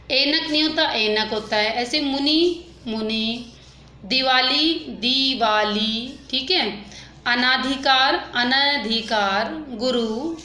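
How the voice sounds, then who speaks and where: A woman teaches an exam-prep lesson, sounding out word after word at a slow, careful pace. Her voice is bright and a little high, and the room adds a noticeable echo. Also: slight background noise. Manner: reads word pairs slowly, explaining each.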